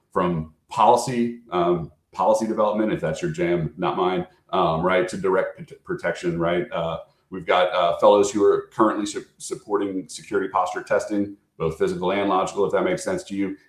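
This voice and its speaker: An American man giving an informal recruiter pitch as a program manager, talking conversationally and often checking in with his listeners. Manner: conversational, frequently checking in with "right?". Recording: echoey, roomy sound.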